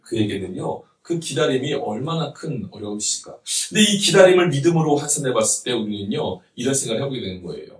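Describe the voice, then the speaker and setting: A man's voice: medium pitch, sing-song, quick pace, hardly any pauses. A man in his thirties, a pastor, preaching a conversational sermon with jokes and laughter, recorded from a distance in a church sanctuary. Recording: roomy hall from a distance.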